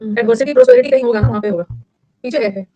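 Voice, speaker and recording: A middle-aged woman teacher rattles through a vocabulary lesson at a rapid clip. She repeats key words and fires questions at her students. Her voice sits a little high and sounds close and dry. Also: mellow, no echo, lo-fi sound, faint music behind. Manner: quick, drilling repetition and quizzing. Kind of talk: vocabulary lecture.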